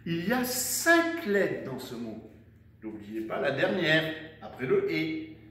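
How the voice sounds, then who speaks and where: A man teaching young children a dictation lesson with an animated storytelling tone, spelling words out slowly syllable by syllable. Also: fairly high pitch, recorded from a distance. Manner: animated storytelling tone, personifying letters; slow, syllable by syllable. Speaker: primary school teacher. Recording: echoey room, voice from afar, faint noise.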